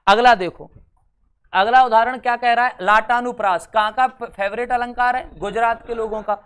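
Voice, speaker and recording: A man teaching a class, patiently explaining and reading verse examples slowly. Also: very high-pitched, steady tone, a bit bright, clean tone. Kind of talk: classroom lesson.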